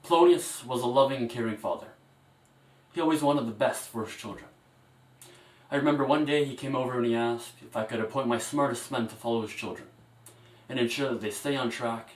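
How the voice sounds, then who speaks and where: A man's voice: medium pitch, normal speed, long pauses, natural voice. A man playing a grieving, scheming king cast as a president, giving a solemn eulogy. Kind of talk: amateur parody speech. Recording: echoey room, mic far off.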